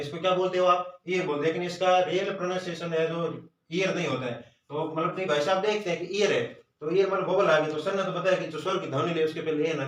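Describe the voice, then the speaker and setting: Echoey far-off Hindi-accented teacher. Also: male voice, a little high, a bit bright. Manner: repeats questions and answers them himself. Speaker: grammar teacher. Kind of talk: classroom lesson. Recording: roomy echo, voice from far off.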